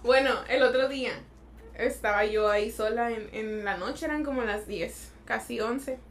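A woman's voice: on the high side, normal speed, slight background noise. A young woman, a podcast guest casually telling workplace anecdotes with a chatty, laughing manner. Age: young adult. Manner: chatty storyteller, laughs through her anecdotes. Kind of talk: casual chat.

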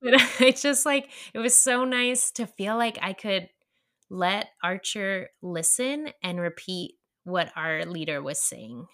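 A young woman co-hosting a podcast in casual chat, earnest and halting, with many fillers and restarts. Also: medium pitch, expressive, a bit bright. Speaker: podcast co-host.

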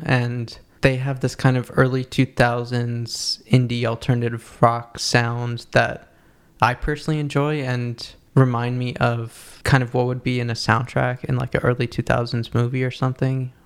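A man's voice: mid-range voice, gravelly, clean tone. A man co-hosting a podcast, casually reviewing new music with a laid-back delivery full of fillers. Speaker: podcast co-host.

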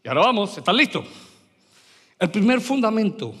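Animated high-voiced male preacher in a hall. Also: brisk, husky. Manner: animated, mixes English words into Spanish. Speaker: pastor. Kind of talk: sermon.

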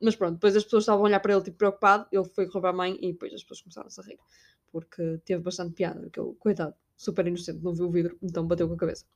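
A woman's voice: racing, dull audio. A young woman with a European Portuguese accent, chatting casually about a trip and imitating people along the way. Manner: chatty, animated, imitates shouting staff in high voice. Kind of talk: casual storytelling vlog.

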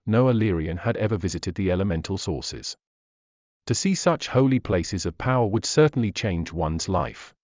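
A man narrating a fantasy audiobook in a measured, expressive reading. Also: fairly low pitch, dry recording. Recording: dull dry recording.

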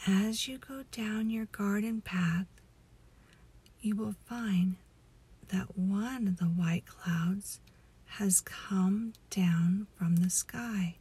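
A woman leading a guided relaxation meditation as a story, in a soothing, hushed, breathy voice that often nears a whisper. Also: mid-range voice. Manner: slow, soothing, hushed delivery.

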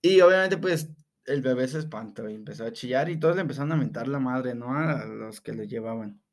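A man jokes around as a podcast co-host. He tells his story casually and uses plenty of slang. His voice has an ordinary middle pitch. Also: fairly quick.

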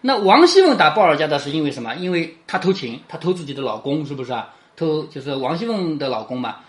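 Teacher walking through an old novel, chatty, pitch bouncing around, quiet little "right?" tags. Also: sing-song, fast talker. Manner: conversational, keeps asking "right?"; drops to a quiet tag at sentence ends. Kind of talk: explaining a classic novel chapter.

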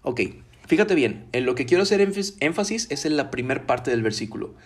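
A man preaching a casual sermon from his home, talking in a conversational, emphatic way and slowing down to stress key words. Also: medium pitch, big pitch swings, slightly rough. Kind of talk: casual live-streamed sermon.

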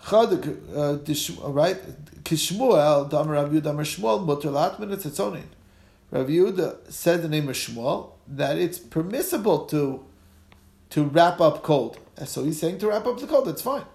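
A man's voice: on the high side, expressive, normal speed, creaky, darkish tone, echoey room. A man teaches a religious class informally as a rabbi, reading text and explaining it conversationally with questions he answers himself. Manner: conversational, asks and answers own questions, checks in with listeners.

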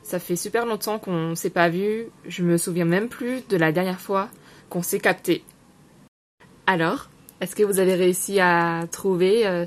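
A young woman hosting a podcast lesson, explaining expressions in a casual, unhurried way with many fillers. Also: lowish voice. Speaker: podcast host teaching French expressions.

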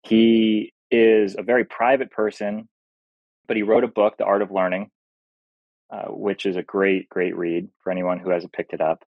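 A man's voice: fairly low pitch, flat delivery, normal speed, gravelly, no room sound, narrow, tinny audio. A man speaking as a podcast guest, explaining things in a casual, thoughtful way and often restarting phrases.

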